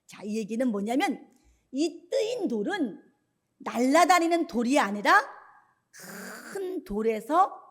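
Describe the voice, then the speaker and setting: A woman pastor giving a lively sermon, often putting questions to the congregation. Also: high-pitched.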